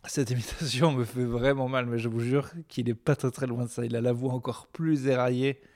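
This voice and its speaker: A hoarse young man rambles through a comic monologue, crude and joking. His pitch sits in an ordinary middle range, and he talks loosely as a vlogger. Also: little pitch movement, a little fast, a little mellow. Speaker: comedy vlogger. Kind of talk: comedic monologue.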